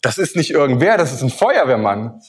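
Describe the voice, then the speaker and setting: A man's voice: mid-range voice, big pitch swings, a little fast. A man preaching a sermon, speaking emphatically and addressing the listener directly with repeated phrases and a vivid illustrative story.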